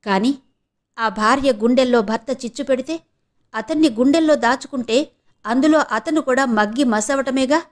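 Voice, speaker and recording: A woman's voice: high voice, moderate pace, close to an everyday voice. A woman voicing a proud, defiant young wife in an audio novel, speaking in cutting, sarcastic retorts.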